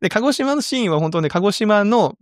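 A middle-aged man co-hosting a casual podcast, talking in an animated way with lively quoted bits. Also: sits high, fairly quick, no echo, clean studio sound. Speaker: podcast co-host.

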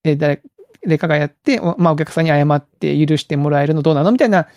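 Gravelly man chatting on a podcast. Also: a little high, fast, a little mellow, dry recording, studio quality. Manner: rambling, with many fillers and restarts. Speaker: podcast host. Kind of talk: casual podcast chat.

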